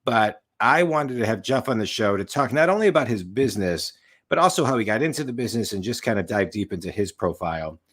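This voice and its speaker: With a lowish, slightly bright voice and lively intonation, this fast-talking man hosts a casual interview over video call from a home office. He's a business coach and podcast host in his late forties who rambles emphatically and repeats his points.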